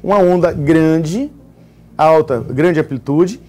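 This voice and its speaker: Brazilian man, high-pitched, joking co-presenter on a live physics class. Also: takes it slowly, a little mellow. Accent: Brazilian Portuguese. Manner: jokey, reads out audience towns. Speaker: co-teacher. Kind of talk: live exam-prep class broadcast.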